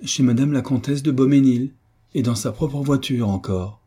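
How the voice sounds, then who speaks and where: A man voicing an excitable, self-important older woman housekeeper who talks in exclamations. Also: medium pitch, normal speed, slightly rough, pitched above the performer's own voice, lightly acted. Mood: excited. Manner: exclamatory, fussy.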